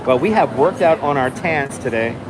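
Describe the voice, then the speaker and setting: On a noisy city street, a man live streams from a handheld phone while waiting in line, chatting calmly with viewers and enunciating clearly. His pitch is medium and his speed normal, and traffic and street noise fill the background of the outdoor phone stream.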